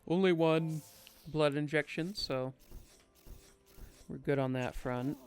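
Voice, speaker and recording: A young man giving casual, unhurried commentary while playing a game, tired and yawning, thinking aloud with many pauses and fillers. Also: fairly high pitch, clear, resonant tone, soft background music. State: sleepy. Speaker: gaming streamer.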